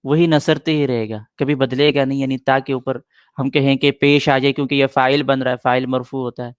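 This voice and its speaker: A patient middle-aged man teaches a grammar class, going over each rule more than once and answering students' questions. His average-pitched voice is level, clear, and resonant. It sounds close and dry, without room echo.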